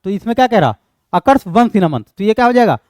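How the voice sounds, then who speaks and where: A man's voice: sits high, very animated, a little mellow, no room sound, clean studio sound. A man with an Indian accent giving an exam-prep lecture, explaining step by step and answering his own questions. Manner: reads English question text slowly. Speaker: teacher.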